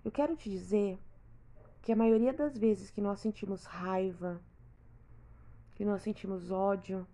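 A woman's voice: medium pitch, warm tone. A woman, talking earnestly and repetitively straight to the listener in a reflective personal monologue.

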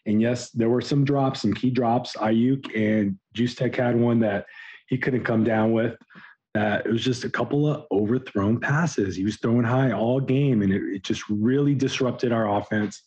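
Slightly raspy man talking sports. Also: medium pitch, normal speed, darkish tone, lo-fi sound. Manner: critical, opinionated. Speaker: podcast co-host. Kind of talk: casual sports talk.

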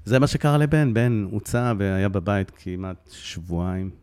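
A middle-aged man telling, with deep emotion, the story of losing his son, often repeating phrases for emphasis. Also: animated, darkish tone, smooth, dry recording. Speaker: guest, bereaved father.

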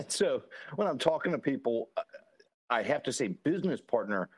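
A man's voice: medium pitch, very animated, moderate pace, darkish tone, slightly rough, dry recording. A man chatting casually on a podcast, telling rambling stories with chuckles and lots of fillers. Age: adult. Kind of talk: casual chat.

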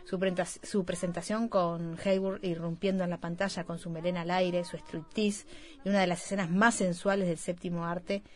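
A woman's voice: on the low side, little pitch movement, moderate pace. A woman co-hosting a film program, reading a descriptive film summary with occasional hesitations. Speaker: radio film show co-host.

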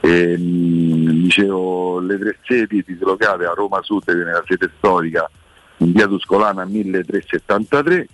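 A man with a hoarse voice that is giving out, talking haltingly and informally as a restaurant owner promoting his place on the radio. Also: low-pitched, steady tone, fairly bright tone, low-quality recording. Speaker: restaurant owner, guest caller on a radio show.

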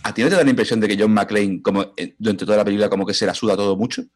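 A man in casual film chat, animated and lively, acting out movie lines in put-on voices. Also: fairly low pitch, racing.

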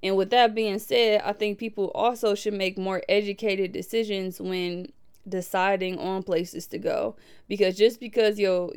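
A woman in her twenties from Milwaukee, hosting a podcast in a casual, animated way and laughing often. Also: mid-range voice, clean tone. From Milwaukee, USA. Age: 20s. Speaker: podcast host. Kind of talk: casual reflective podcast talk.

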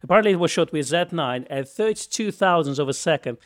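A man co-hosts a photography news podcast in a loose, conversational style. He jokes easily and sometimes breaks off mid-sentence to restart. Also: a little high. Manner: relaxed, joking, slightly halting. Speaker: podcast co-host. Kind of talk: casual news chat.

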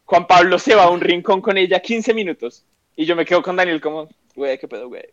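Animated young man telling a story, lo-fi. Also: high voice, fast talker. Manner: animated, acts out quotes, swears freely. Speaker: podcast co-host. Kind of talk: casual storytelling among friends. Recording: dull lo-fi sound.

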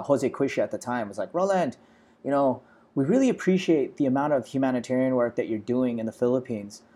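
A medium-pitched American man in his forties from Los Angeles, a startup founder, recounts his story in a relaxed interview, peppering his speech with "you know" and "uh."

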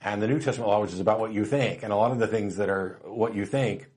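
Low-voiced man hosting a call-in show. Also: quick pace. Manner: wry, relaxed storytelling with frequent fillers; grows emphatic and lively when arguing. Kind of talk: casual call-in talk.

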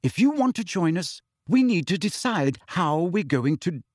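A nervous but earnest teenage girl who stumbles over fillers before finding a firmer voice, as a male reader puts her on. She is pitched well up, and the voice sits in a dry, close storybook read. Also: big pitch swings, moderate pace, no echo. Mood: brisk. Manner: hesitant, fumbling fillers, then firm.

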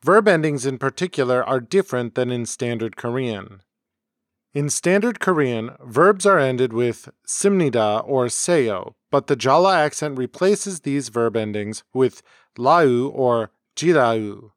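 A man hosting a homemade podcast, reading a scripted lesson in a measured, explanatory way. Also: medium pitch, lively intonation, no room sound, clean studio sound. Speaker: podcast host. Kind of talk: scripted educational narration. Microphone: close home mic.

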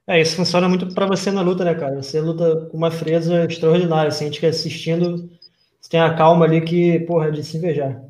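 A man's voice: on the high side, flat delivery, fast talker, a little mellow. A Brazilian man hosting a casual live interview, greeting viewers in an upbeat, friendly way and reading out their questions. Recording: roomy echo.

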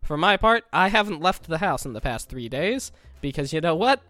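A podcast co-host tells a story in a casual comic way, wordy, wry, and mock-formal, while under the weather with a scratchy throat. His fairly high voice is expressive and sharp in tone, at normal speed, with no echo.

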